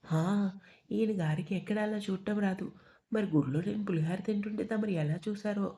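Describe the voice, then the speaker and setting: A young woman from a spoken love story, quick to sulk and quick to tease, read by a woman. Her lines lean affectionate and sarcastic. The voice is mellow rather than bright. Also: mid-range voice, close to an everyday voice. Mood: playful. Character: young woman, emotional, playful and sulky.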